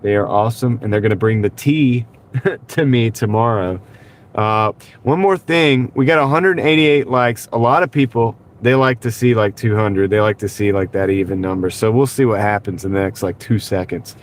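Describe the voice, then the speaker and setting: Sitting in his car at night with a wireless clip-on mic, a livestream host chats casually with viewers, rambling and chuckling as he reads their comments aloud. His voice is congested, nasal, slightly rough, and fairly low, with a moderate pace. There's a little hiss or hum.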